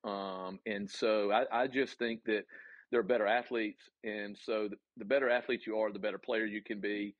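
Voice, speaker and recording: A man with a Southern US accent, a college golf coach answering interview questions in an earnest, halting way with many ums and restarts. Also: fairly low pitch, fairly even intonation, no echo, phone-quality sound.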